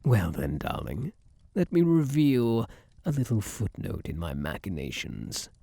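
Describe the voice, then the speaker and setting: Guy doing a suave flirty stalker luck spirit for asmr roleplay, gravelly n breathy, pitch swoops around, super close dry mic. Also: wildly swooping pitch, unhurried, mellow, dry recording, full character voice. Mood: smug, possessive. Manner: theatrical, teasing, coaxing with pet names.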